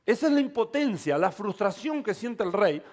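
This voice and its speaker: High-voiced man preaching a sermon. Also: very animated, normal speed, darkish tone. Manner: dramatic storytelling, acting out quoted voices; calls out to the congregation. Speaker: pastor.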